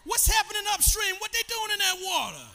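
A man voicing a proud, indignant male warrior who shouts and complains mockingly in a sermon retelling. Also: extremely high pitch, very animated, moderate pace, long reverb tail, pitched above the performer's own voice, full character voice.

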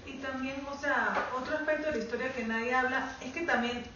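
A woman's voice: high voice, fairly even intonation, fairly quick, noisy background. A woman who is a student in a Torah class, chiming in with her own points during the discussion. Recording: roomy, distant, dull, with a crowd.

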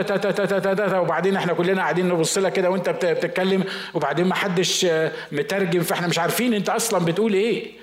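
A man's voice: sits high, reverberant. A man with an Egyptian Arabic accent, a pastor preaching a sermon in a casual, conversational way. He keeps asking the congregation rhetorical questions.

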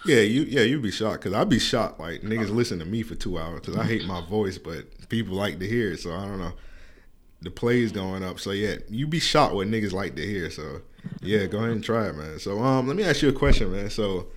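Guy hosting a podcast, kinda low voice, loose slangy chat. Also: lively intonation, a little fast. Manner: loose, slangy, lots of fillers. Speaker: podcast host. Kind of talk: casual interview chat.

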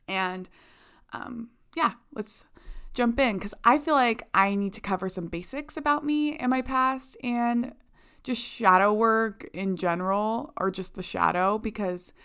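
A young woman hosts her podcast solo, bubbly and chatty, full of casual fillers as she talks. Her voice comes through smooth and clear. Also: mid-range voice, fairly bright tone. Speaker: podcast host.

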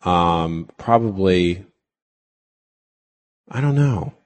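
A man who is a novelist, chatting as an interview guest in an animated, wry way with quick asides. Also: deep voice. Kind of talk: casual interview chat.

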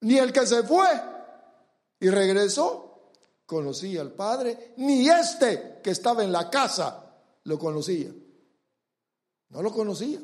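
A man preaching a sermon with emphasis, urging his listeners again and again to look and pay attention, and swinging between loud and hushed delivery. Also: high-pitched, big pitch swings, slow, pauses often. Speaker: pastor.

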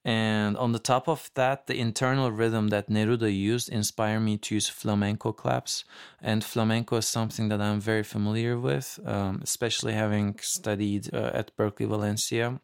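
A man from Turkey speaks as a musician guest explaining his work. His low voice is smooth and resonant, with plenty of vocal fry. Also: level tone, normal speed. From Istanbul, Turkey. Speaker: guest musician, composer and producer. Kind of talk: interview talk about his music. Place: home studio.

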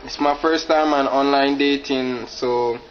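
A man talking haltingly and nervously to camera in a comic video dating clip. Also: medium pitch, steady tone. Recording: dull lo-fi clip with faint noise.

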